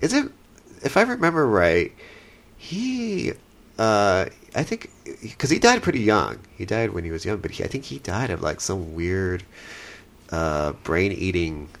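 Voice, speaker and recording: A man in his thirties hosting a podcast, chatting casually and rambling with frequent laughs. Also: measured pace. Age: 30s. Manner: rambling, laughing, animated with big pitch jumps. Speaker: podcast host.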